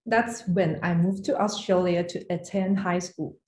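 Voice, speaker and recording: A Taiwanese finance executive, appearing as a guest speaker, gives a prepared online presentation from an indoor room over a video call. Her voice is lowish, a little slow and slightly mellow, with some faint background noise. The call audio sounds roomy and echoey.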